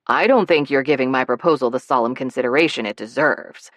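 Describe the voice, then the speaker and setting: A woman narrator gives voice to a charming, teasing man who talks his way toward what he wants. His delivery is low and close, set in a dry, dead room. When nervous, his words come out in a good-humored rush. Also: brisk, no room sound. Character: charming playful adult man, teasing and persuasive.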